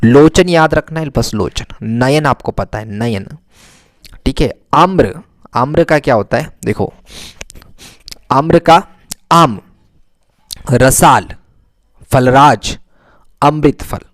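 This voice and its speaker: A male teacher talks children through a vocabulary lesson in a middle-pitched voice, repeating every word and answering his own questions. The sound is dry and close, with no room echo. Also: expressive. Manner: repeats words slowly, asks and answers himself.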